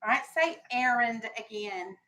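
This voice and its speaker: A woman with a fairly high, unhurried voice teaches young children a vocabulary lesson, with heavy background noise in the clip. She's an American elementary school teacher, guiding the class through questions and directions.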